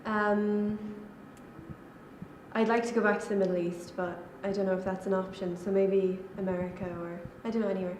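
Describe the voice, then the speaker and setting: A woman's voice: medium pitch, normal speed. A young woman, a college student, answers interview questions in a loose, casual way. Her answers are full of fillers like "um" and "like." She sounds like she is in an echoey room, with faint noise behind her. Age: young adult. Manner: relaxed, with frequent fillers like "like" and "um".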